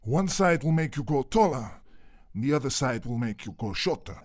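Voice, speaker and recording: A man's voice: mid-range voice, animated, moderate pace, a little mellow, natural voice. A man playing a haughty, irritable caterpillar in an audio drama, curt and pompous.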